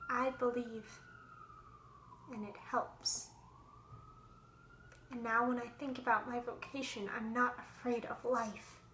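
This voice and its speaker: A young woman acting a stage monologue as a fragile, haunted young actress worn down by heartbreak, her voice swinging between hushed whispers and raised outbursts. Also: a little high, flat delivery, slow, long pauses, slight background noise. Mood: searching. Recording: echoey room.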